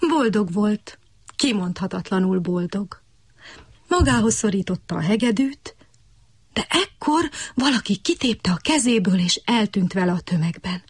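A woman storyteller reading a children's bedtime story on the radio. Her voice moves up and down expressively. It has a soft, breathy quality and sounds dry and close. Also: medium pitch, lively intonation, no echo.

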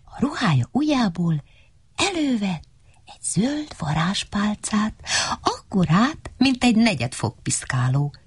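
A woman reading a children's story aloud as storyteller, animated and playful, with sound effects and character voices. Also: medium pitch, slightly rough, dry recording.

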